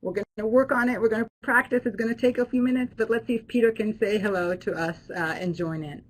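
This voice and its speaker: A woman's voice: a little high, fast, rough recording. A woman professor who grew up in Israel, hosting an online alumni webinar in a friendly way with many fillers and restarts. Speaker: business school professor.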